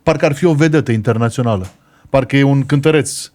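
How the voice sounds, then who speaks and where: A man's voice: mid-range voice, darkish tone. A man hosting a podcast in a casual conversational way, often jumping in to agree and repeat himself. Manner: interjecting, often echoing and agreeing. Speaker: podcast host. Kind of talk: casual chat.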